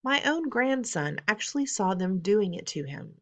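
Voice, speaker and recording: Woman doing a brisk elderly grandmother. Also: mid-range voice, sing-song, a bit bright, voice pushed up. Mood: earnest. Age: older.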